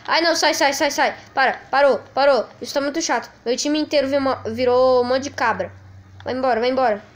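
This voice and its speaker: A woman with a Brazilian Portuguese accent giving let's play commentary, excitedly yelling at the enemies on screen. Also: sits high, brisk. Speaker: gaming channel host.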